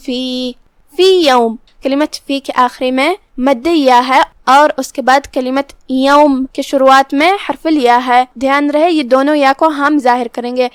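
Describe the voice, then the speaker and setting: A high-pitched woman gives a patient, methodical lesson on Quran recitation and breaks each word down letter by letter. She recites the verses slowly and carefully. The sound is close and dry, with no room around her. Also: dry recording. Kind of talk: tajweed lesson with slow recitation.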